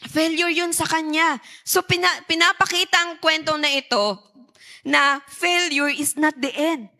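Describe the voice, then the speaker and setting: A woman's voice: high voice, measured pace, pushed and bright. A woman preaching a sermon to young people, often putting questions to her listeners. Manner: engaging, asks the audience questions. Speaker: youth preacher.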